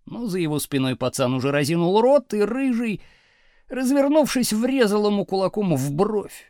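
An expressive male narrator reading a novel aloud with dramatic storytelling. His voice is high and very lively in pitch. It is recorded close and completely dry. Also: normal speed, no room sound. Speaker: audiobook narrator.

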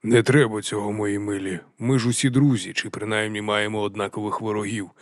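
A man voicing a fat, cheerful, half-mad male chieftain, drawling and sing-song, dropping to a hush and then booming. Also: steady tone, brisk, no room sound, studio quality, lightly acted. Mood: jovial, unhinged. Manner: drawling and sing-song, swinging between hushed and loud. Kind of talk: audiobook character voice.

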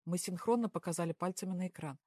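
A woman narrating a first-person story in a calm, even audiobook style. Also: lowish voice, fast, no echo, clean studio sound.

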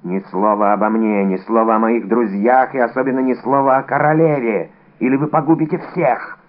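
A man's voice: mid-range voice, steady tone, normal speed, natural voice. A man reading an audiobook, voicing a bold, cunning young musketeer with a brash, theatrical manner, in a narrow, phone-like recording.

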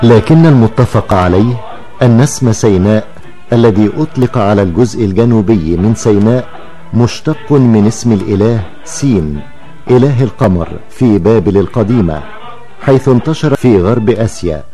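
An Egyptian man presenting on the radio as a documentary narrator, reading a script in a formal, measured way. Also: lowish voice, lively intonation, mellow, faint music behind.

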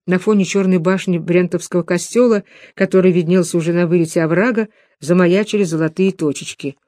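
Woman calmly reading a novel. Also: fairly low pitch, fairly quick, no echo, clean studio sound. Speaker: audiobook narrator. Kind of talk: novel narration.

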